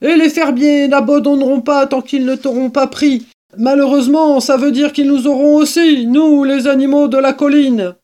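A woman voicing a panicked, desperate old male badger in a storybook, with loud, drawn-out, anguished outbursts. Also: fairly high pitch, steady tone, voice pushed up. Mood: alarmed. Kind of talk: storybook character voice.

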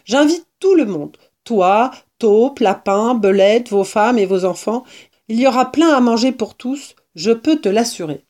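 A woman's voice: fairly high pitch, lively intonation, measured pace, darkish tone. Maître Renard, a woman playing a sly fox father. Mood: confident.

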